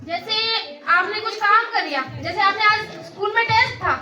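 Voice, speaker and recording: A woman's voice: extremely high pitch, normal speed, pushed and bright. A woman trainer teaching schoolchildren about safety, coaxing them with questions. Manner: coaxing, asks children questions. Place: school event with children. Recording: echoey, distant, crowd and noise.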